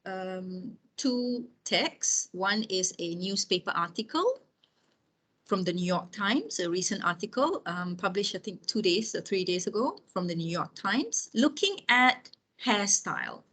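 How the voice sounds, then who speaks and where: Giving a relaxed lecture laced with personal anecdotes, a woman in her fifties speaks conversationally and regularly checks in with those listening. Her medium-pitched voice is very animated, unhurried, and fairly bright.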